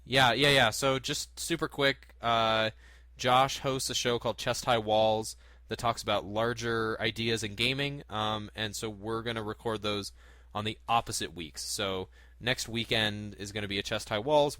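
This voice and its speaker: Male podcast host, bright and clear-edged, casual chatty delivery, dry recording. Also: on the low side, steady tone, moderate pace, no room sound. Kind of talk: casual gaming podcast chat.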